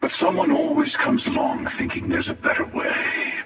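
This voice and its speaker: An actor playing a menacing, arrogant, world-weary hunter villain in a video game, with a gravelly voice and a deliberate, sardonic delivery. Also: male voice, very high-pitched, fairly even intonation, a bit bright, faint music behind, exaggerated voice. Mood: grim, world-weary. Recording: echoey, long reverb, distant.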